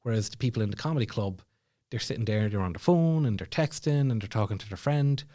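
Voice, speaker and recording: This Irishman, a former comedy club host, rambles through self-mocking stories as a podcast guest in a casual chat. He talks fast with lively intonation, his lowish voice dark in tone, recorded dry with clean studio quality.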